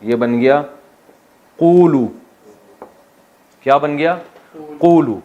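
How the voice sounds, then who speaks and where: A man's voice: on the high side, phone-quality sound. A man from Pakistan, an Islamic scholar teaching a Quran exegesis class, who asks the class questions, answers them himself, and jokes with his students. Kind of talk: classroom lecture.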